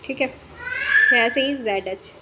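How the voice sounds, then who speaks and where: A woman teaching shorthand in a casual spoken lesson, explaining slowly with many fillers and checking in often, her voice dropping softer as she writes. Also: a little high, very noisy.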